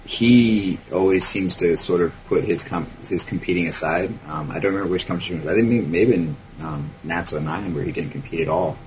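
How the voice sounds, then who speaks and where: Low deep guy on a call, slow, lots of ums, muffled audio with a bit of hiss. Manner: hesitant, slow, with many ums. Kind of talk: casual group chat over a call. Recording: dull lo-fi online call audio.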